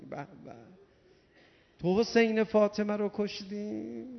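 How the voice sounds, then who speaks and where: A man preaching a mourning sermon, impassioned, moving between hushed passages and loud outcries. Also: high voice, creaky. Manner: impassioned, shifting from hushed to shouting. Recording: muffled recording in a long-reverb hall.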